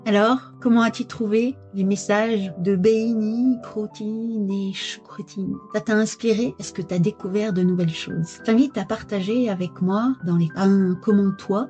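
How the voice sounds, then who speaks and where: A woman hosting a personal-development podcast, gently inviting listeners to share and subscribe, in a slightly dull recording. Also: medium pitch, fairly even intonation, a little slow, few pauses, faint music behind. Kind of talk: direct-to-listener outro.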